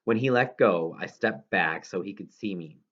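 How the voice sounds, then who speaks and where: Reading a children's novel aloud at a moderate pace, an audiobook narrator with a low-pitched voice sometimes stumbles over words. His scripted narration comes through with the highs cut off.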